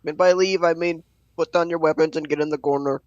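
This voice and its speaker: A proud, menacing adventurer acted by a man in a tabletop game, commanding and threatening. His voice is a little high for a male, with a dry, close sound. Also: fairly even intonation, a little fast, no echo, lo-fi sound, lightly acted. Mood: commanding threat.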